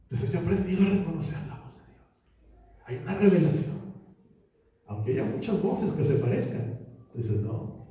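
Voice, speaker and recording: Male pastor, high lively voice, mellow tone, emphatic sermon cadence, heard from afar in a very echoey church hall. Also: moderate pace, long pauses, distant mic, dull audio. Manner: preaching with rising emphatic repetitions.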